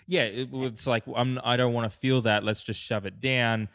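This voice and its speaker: A man's voice: medium pitch, steady tone, normal speed, a bit bright. A young adult man co-hosting a podcast, talking casually with many restarts and fillers. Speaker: podcast co-host. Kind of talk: casual chat.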